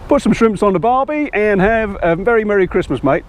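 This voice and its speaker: A man doing a deliberately exaggerated Australian accent as a cheery bloke sending greetings. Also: sits high, lively intonation, pitched above the performer's own voice. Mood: jolly. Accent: put-on Australian. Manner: jokey, exaggerated. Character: cheery male Aussie bloke giving greetings.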